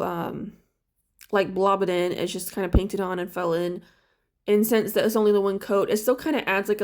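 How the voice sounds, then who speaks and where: A woman's voice: medium pitch, darkish tone. A woman who just woke up, chatting casually and rambling with lots of fillers while she paints a small figure for her vlog. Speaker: crafts vlogger.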